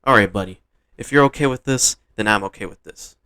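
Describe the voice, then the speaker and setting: A man's voice: lowish voice, fairly quick, bright, forceful tone, clear, resonant tone, no room sound. A man playing an earnest, competitive young male trainer in a fan-told story, speaking in a sincere, sometimes hesitant way.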